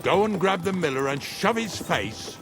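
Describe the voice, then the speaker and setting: An actor playing a gruff, talkative older rustic wagon driver in a medieval video game, with a folksy, rambling manner. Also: male voice, high voice, expressive, normal speed. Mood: chatty, grumbling. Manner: folksy, rambling, plain-spoken. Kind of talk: video game dialogue acting. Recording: music behind the voice.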